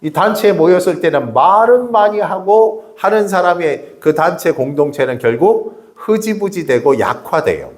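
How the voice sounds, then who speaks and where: A middle-aged male pastor delivering a sermon in a church, his voice leaping wildly up and down as he preaches. He sits a little high for a man and keeps asking the congregation rhetorical questions and answering them himself. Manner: chats directly with the congregation. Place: church sanctuary.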